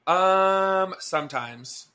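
Young guy on a podcast, bright lively voice, telling a story and doing the other people's lines. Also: high voice, drawn-out words, clean tone. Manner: animated, chatty, acts out dialogue. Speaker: podcast co-host. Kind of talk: casual storytelling chat.

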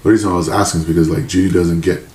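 A man's voice: sits low, steady tone, very fast, darkish tone. A man in casual podcast chat, swearing freely and telling loose stories. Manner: loose, profane, storytelling. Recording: roomy echo, faint hiss.

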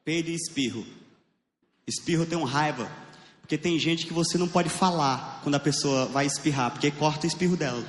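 A man with a Brazilian Portuguese accent doing a crude stand-up set on a theater stage, animated and laughing at his own jokes. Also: a little high, fairly quick. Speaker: stand-up comedian. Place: theater stage with live audience. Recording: echoey hall with room noise.

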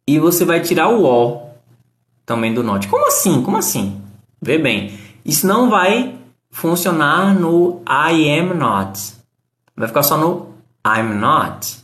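A man's voice: fairly high pitch, big pitch swings, slow pace, fairly bright tone, reverberant. A man giving a casual live-stream English lesson, answering chat comments and explaining grammar patiently.

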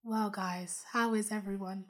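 A woman with a sick, hoarse voice co-hosts a relaxed podcast chat. She talks in an easygoing way and keeps stifling laughs so she won't cough, with her pitch sitting in an ordinary middle range. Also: a little slow, faint music behind. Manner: holds back laughter, relaxed and chatty. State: hoarse from a chest cold. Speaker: podcast co-host. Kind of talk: casual chat.

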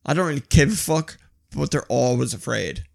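A man's voice: medium pitch, fairly quick, creaky. A man co-hosting a podcast, telling stories in casual chat and swearing freely as he mimics noises. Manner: animated storyteller who swears a lot and imitates noises. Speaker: podcast co-host.

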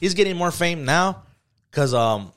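A man, co-hosting a casual podcast chat, telling stories in a profane, slangy, animated way. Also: a little high, unhurried. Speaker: podcast co-host.

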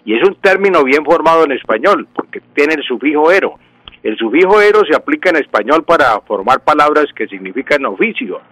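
A man with a Colombian accent from Santander explains things on a radio call-in show at an easy, teacherly pace. His voice sits at a middle pitch and sounds very dry and close. He repeats words to stress them and fills gaps with "eh". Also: a bit bright, dry recording. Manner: unhurried, didactic, repeats key words, frequent "eh" fillers. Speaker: language and local history expert on radio.

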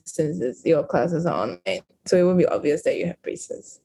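A young woman co-hosting a podcast, with a husky, mellow voice that sits lowish. Her pitch swings widely as she reacts and laughs along in casual chat. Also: lively intonation, moderate pace, soft background music. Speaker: podcast co-host.

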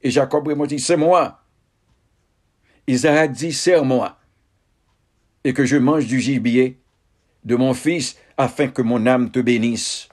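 A man reads scripture aloud in a solemn, measured manner, breaking the text into short phrases. He takes his time, with a very unhurried pace and an ordinary mid-range pitch. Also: steady tone, darkish tone. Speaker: Bible reader. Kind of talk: scripture reading.

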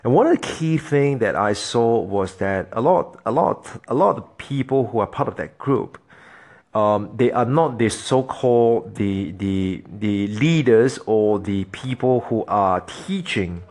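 A man's voice: fairly low pitch, lively intonation, measured pace, a little mellow. A man from Singapore, hosting a solo podcast and talking to his listeners in an earnest, motivational way. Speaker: podcast host.

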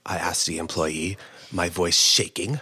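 A man performs a comic audiobook with theatrical flair, acting out the characters and breaking into chuckles along the way. His voice is low and steady with a measured pace, sounding pushed and bright with a breathy edge.

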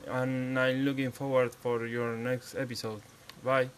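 A man's voice: medium pitch, level tone, a little slow. A man from Argentina, a native Spanish speaker with an Argentine accent, leaving a simple voice message in English as a second language. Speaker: podcast listener leaving a voicemail. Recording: voice message with background noise.

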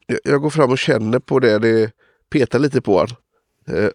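A man's voice: mid-range voice, a little mellow, no room sound, clean studio sound. A man playing a tabletop role-playing game, asking hesitant questions about the scene. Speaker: player.

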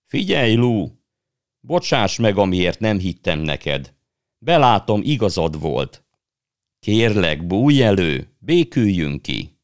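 A frightened, sulky schoolboy lost in a snowy wood, calling out in a high, strained voice, as a man reads him. The calls rise well above the reader's own register. He sounds anxious and pleading. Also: big pitch swings. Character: scared, sulky young schoolboy lost in snow.

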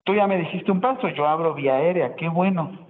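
A man's voice: fairly high pitch, a little fast. A man walks his class through a nursing procedure. He explains step by step, asks rhetorical questions and corrects himself along the way. The sound is thin and phone-like, with a long hall echo and faint background noise. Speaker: nursing student presenting. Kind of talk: classroom presentation. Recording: tinny phone-line sound in echoey hall.

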